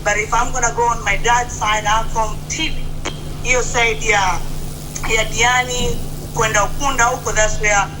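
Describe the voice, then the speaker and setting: A woman's voice: on the high side, moderate pace. Woman on a noisy call. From Kenya, Mombasa. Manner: relaxed, reflective, mixes English with Swahili. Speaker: guest, catering business founder. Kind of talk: remote interview. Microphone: phone or video call. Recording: noisy remote call line.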